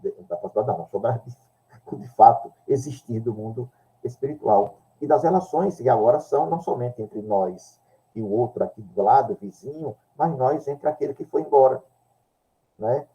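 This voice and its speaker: A man speaking in a study group discussion, reflective and halting, often repeating words as he searches for them, in a lo-fi recording. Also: mid-range voice, expressive, dark tone. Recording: dull lo-fi recording.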